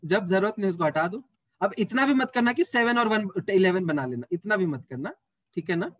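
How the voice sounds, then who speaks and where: A man with a high, light voice teaches math in a live online class. He talks casually and teases students as he works through the numbers aloud, recorded close in a dry setting. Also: animated, normal speed, dry recording. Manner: chatty, teasing students while working sums aloud.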